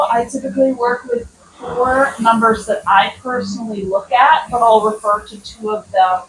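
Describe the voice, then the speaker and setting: High-voiced American woman coaching on rowing machine. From United States. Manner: instructing while exercising on a rowing machine; encouraging, with short punchy commands. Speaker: rowing workout instructor. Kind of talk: coaching a workout with counted cues. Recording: echoey room, distant mic, noisy background.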